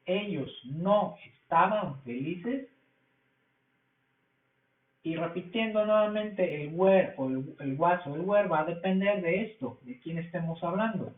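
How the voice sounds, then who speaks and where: A man with a Mexican Spanish accent gives a recorded English grammar lesson, his voice sitting high for a man. He explains slowly, going over each point again and again. The sound is thin and phone-like, with a roomy echo. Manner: slow, repetitive explaining. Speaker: English teacher.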